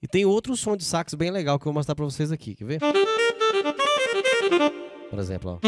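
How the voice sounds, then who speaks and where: A man's voice: fairly high pitch, big pitch swings, a little fast. A man from Brazil casually demonstrating keyboard sounds and rhythms, chatting straight to his viewers. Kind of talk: casual product demo. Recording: dry close recording with keyboard music underneath. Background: keyboard music playing.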